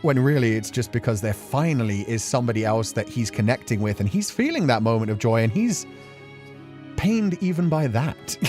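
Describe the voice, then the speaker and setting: With an expressive, darkish mid-range voice at normal speed, this streamer rambles earnestly and emotionally while hosting a game playthrough. His commentary is casual and reflective, and music plays behind him.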